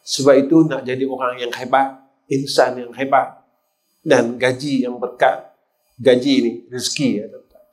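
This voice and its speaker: In a mid-range voice with little pitch movement, an older man speaks a little slowly. His Kedah Malay accent marks the storytelling sermon, during which he frequently addresses the congregation directly and repeatedly calls them sirs.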